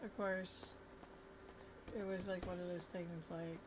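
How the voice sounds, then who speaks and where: Woman game streamer, slightly low pitch, informal rambling storytelling, noticeably noisy recording. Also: level tone, takes it slowly. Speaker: game streamer narrating roleplay character's story. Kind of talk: casual gameplay storytelling.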